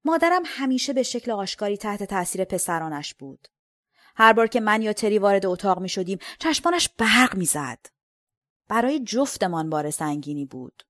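A woman's voice: mid-range voice, dry recording. Dry-voiced woman narrating a novel. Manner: dry, sardonic storytelling. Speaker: audiobook reader. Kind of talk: first-person novel narration.

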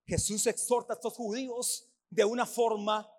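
A man preaches a sermon at a church service, his voice pitched high for a man. He drives his points home by repeating them in lists. He swings between loud, forceful phrases and hushed, quiet ones. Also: flat delivery, moderate pace. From Costa Rica. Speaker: pastor.

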